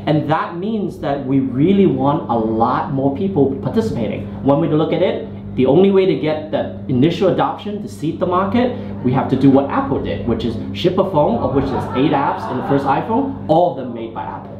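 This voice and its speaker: A man's voice: a little high, expressive, brisk. Man talking in a roomy space. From Hong Kong. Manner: loose phrasing with many fillers and restarts. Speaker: startup founder guest. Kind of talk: casual interview talk. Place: indoor venue in Hong Kong. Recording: roomy, muffled, noisy ambience.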